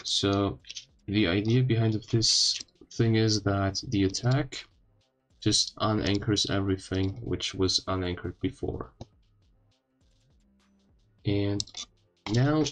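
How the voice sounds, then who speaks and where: A man with a lowish voice walks through a coding tutorial at a very slow pace. His phrasing is halting and his speech sounds slightly impeded, as after dental surgery. Faint music plays behind him. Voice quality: slightly odd, impeded speech after wisdom teeth removal. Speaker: tutorial host. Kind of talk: informal screen-recorded coding tutorial.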